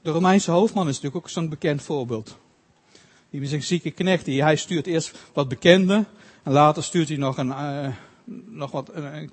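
A man preaching a sermon, earnest and halting with frequent restarts, slowing down whenever he quotes scripture. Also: a little high. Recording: long hall reverb.

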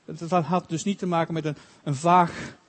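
A man with a high, steady-toned voice preaches earnestly amid long, echoing reverb. He speaks haltingly, frequently starting phrases over, and takes scripture quotations more slowly.

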